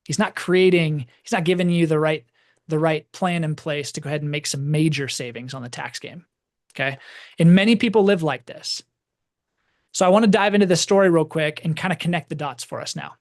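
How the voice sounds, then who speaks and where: A man with a somewhat high voice tells a story to a live audience. His delivery is loose and conversational, full of "like" and restarts. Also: a little fast. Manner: casual, rambling, heavy use of "like". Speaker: presenter.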